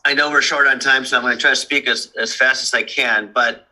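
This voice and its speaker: A man's voice: mid-range voice, fairly even intonation, brisk, bright, forceful tone, low-quality recording. A man speaking at a public policy council meeting, hurrying through his point with many filler words. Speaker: council member.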